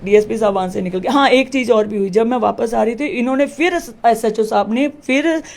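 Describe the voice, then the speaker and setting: A woman's voice: fairly high pitch, fairly quick, vocal fry, darkish tone, a little hiss or hum. A woman who heads her village, recounting a confrontation with the police in an interview and acting out the dialogue emphatically. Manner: emphatic, acts out quoted dialogue. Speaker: village head.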